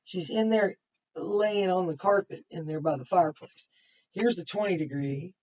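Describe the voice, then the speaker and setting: A woman with a lowish, darkish voice reads a picture book aloud to young children at a normal speed, as a kindergarten teacher would. She adds simple explanations and chatty asides. The recording sounds muffled, as if the microphone were far away.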